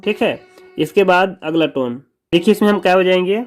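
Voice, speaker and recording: A man teaching a song on the harmonium, calling out and singing sargam notes slowly between quick spoken explanations. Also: sits high, soft background music. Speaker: music teacher.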